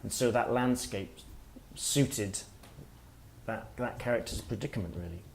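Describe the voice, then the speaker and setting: A middle-aged man, an author giving a workshop talk, speaking in a reflective, halting way as he thinks aloud. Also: medium pitch, slight background noise. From Wales. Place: workshop room with listeners.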